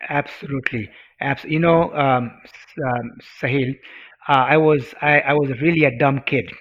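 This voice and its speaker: A medium-pitched, steady voice belongs to a middle-aged native Swahili speaker from Tanzania, telling an interviewer a personal story at a moderate pace. He repeats phrases for effect in an earnest, emphatic manner, and the sound is dull and lo-fi.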